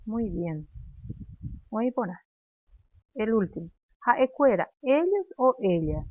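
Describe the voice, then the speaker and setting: Paraguayan woman teacher, unhurried, drills phrases for students to repeat, tinny dry recording. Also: mid-range voice, very animated. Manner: slow, clear, repeats phrases for students to echo. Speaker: Guarani language teacher. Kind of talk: classroom lesson, drilling conjugations. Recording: dry, phone-like narrow sound.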